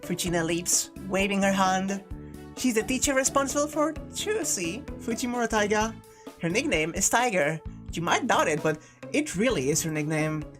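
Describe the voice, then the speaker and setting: A woman's voice: medium pitch, lively intonation, moderate pace, music in the background. A woman streaming a visual novel, narrating it aloud and breaking into amused, sweary casual commentary.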